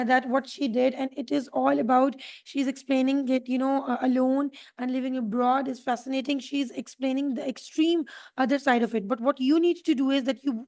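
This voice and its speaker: A woman's voice: high-pitched, a little mellow. A young woman teaching an English writing class, explaining texts to students with many fillers like "you know". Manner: thinking aloud with many fillers.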